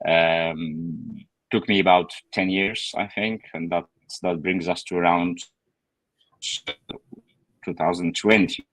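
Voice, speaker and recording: A man's voice: deep voice, fairly even intonation, slow, long pauses, fairly bright tone, no room sound, poor audio. A man, telling his story as a guest on an online call, hesitant with many fillers and restarts. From Poland. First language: Polish. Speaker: guest author. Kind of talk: casual interview storytelling.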